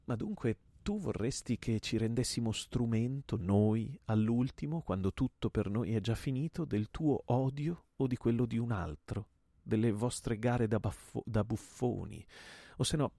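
A man's voice: low voice, expressive, normal speed, darkish tone, no echo, clean studio sound. A man reading a play aloud and voicing a desperate, grim man bent on murder, with an intense, menacing delivery.

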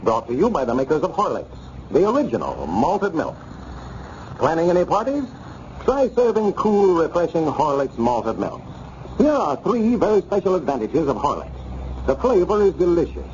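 Male old radio show announcer, upbeat sales pitch, lively swings in pitch, warm tone, muffled vintage broadcast sound. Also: normal speed, a little hiss or hum. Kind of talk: scripted old-time radio announcing and commercial read. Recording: dull, lo-fi old radio recording.

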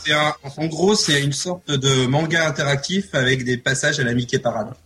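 A man's voice: a little high, moderate pace. A man co-hosting a gaming chat, talking casually and cracking jokes. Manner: lively, joking. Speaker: podcast co-host.

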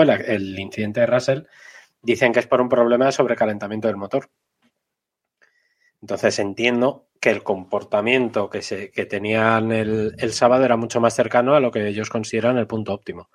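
A man's voice: on the low side, steady tone, normal speed. A man with a Castilian Spanish accent giving opinions casually as a motorsport podcast panelist, repeating points for emphasis. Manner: colloquial, emphatic repetition.

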